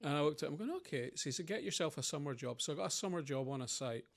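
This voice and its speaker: Fast-talking Scottish man telling stories. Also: fairly high pitch, expressive, creaky. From Scotland. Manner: rambling anecdotes with quoted voices. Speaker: panel speaker. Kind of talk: conversational Q&A storytelling.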